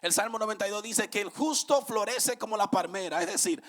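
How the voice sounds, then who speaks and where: A man preaching a sermon as pastor, dropping to hushed murmurs and then building to shouted, sing-song climaxes. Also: high voice, brisk.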